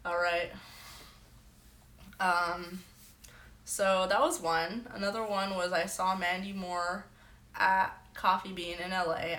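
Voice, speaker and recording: A woman with a lowish, slightly bright voice hosts a casual livestream from her bedroom in an echoey room. She's a chatty storyteller whose tales are packed with "like" as filler.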